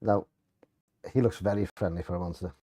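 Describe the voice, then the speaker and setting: A man's voice: low voice, fairly even intonation, a little fast, warm tone, no room sound, studio quality. A man co-hosting a bingo game with casual banter and commentary. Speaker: bingo co-host.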